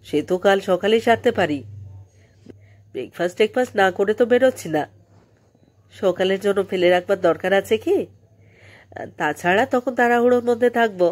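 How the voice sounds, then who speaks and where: A woman's voice: medium pitch, moderate pace, long pauses, darkish tone, natural voice. Woman putting on a breezy, teasing husband. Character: joking easygoing husband. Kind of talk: audiobook character voice.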